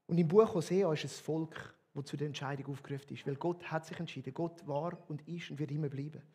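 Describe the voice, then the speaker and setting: A pastor with a Swiss German accent delivers his sermon in an earnest, emphatic way, his voice sitting fairly high. The tone has a husky edge that stays with him throughout. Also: quick pace, dark tone.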